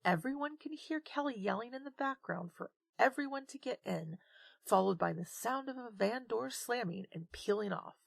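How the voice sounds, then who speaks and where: A woman's voice: fairly high pitch, lively intonation, moderate pace, vocal fry, no room sound. A woman narrating a tabletop game as game master, describing events dramatically.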